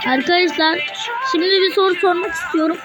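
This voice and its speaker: High-voiced teen girl, chatty gamer who gets worked up fast, music in the background. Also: rough recording. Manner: excitable, easily frustrated, chatty. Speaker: gaming video creator. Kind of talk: casual gameplay commentary. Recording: music playing behind the voice.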